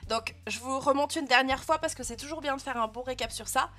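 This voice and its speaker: Casting note: young female teacher, bright and fairly high voice, patient step-by-step explaining, faint music behind. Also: a little fast. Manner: patient, clear explaining with frequent "euh" and "hein" checks. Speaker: Japanese teacher. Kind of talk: live online language lesson.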